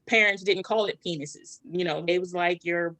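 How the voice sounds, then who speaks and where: A relaxed interviewer talks loosely, leaning on fillers. The voice is bright and clear. The sound is dry and close, with no room echo. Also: mid-range voice, moderate pace. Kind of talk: casual interview.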